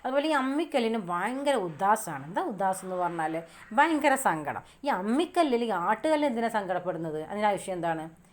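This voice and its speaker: A woman teacher explains a poem to her students one line at a time. She keeps asking the class questions and then answers them herself. Her voice sits at an ordinary middle pitch. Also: sing-song. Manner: reads verse lines slowly.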